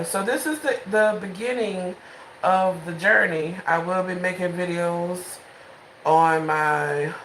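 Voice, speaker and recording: A woman's voice: fairly low pitch, a bit bright, echoey room, slight background noise, rough recording. A woman in her twenties talking casually and frankly in a late-night home vlog, rambling between thoughts, with the phone held in her hand. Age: 20s. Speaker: vlogger.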